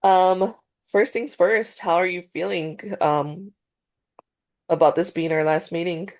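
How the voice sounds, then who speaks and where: Playing a counselor in a role-played therapy session over video call, a woman speaks slowly in a steady, lowish voice that is a little mellow. She sounds congested and somewhat nasal, hesitating with many fillers and restarts.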